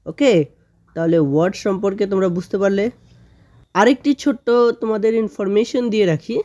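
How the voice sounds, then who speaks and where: A woman teaching a grammar lesson for children, slowly sounding out words syllable by syllable and often checking in with her students. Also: mid-range voice, mellow. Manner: slow drawn-out spelling of words, syllable by syllable; frequent "okay?" check-ins with students.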